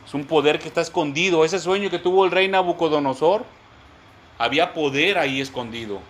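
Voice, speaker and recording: A man's voice: fairly high pitch, a little fast. A man teaching a church Bible study, repeating his points and often calling the listeners brothers. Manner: repetitive, addresses listeners as brothers; explains word by word, spells terms out.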